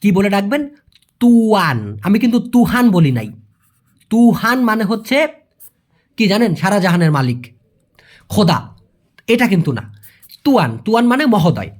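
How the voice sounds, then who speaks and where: A man's voice: high-pitched, very animated, normal speed, pauses often. A man from Bangladesh hosting a language lesson, explaining patiently, asking rhetorical questions and repeating key words. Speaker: language teacher, channel host.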